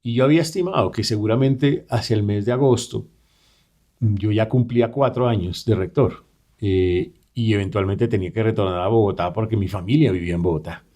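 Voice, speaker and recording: A middle-aged man, answering radio interview questions in a measured, earnest way from a studio. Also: on the low side, dark tone. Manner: measured, earnest, explaining at length. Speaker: vice president-elect, guest.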